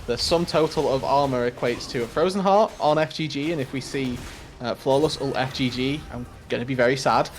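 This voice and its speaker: A man's voice: mid-range voice, a little fast, faint music behind. A man giving color commentary on an esports match, explaining tactics with a dry, teasing humor. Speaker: esports caster.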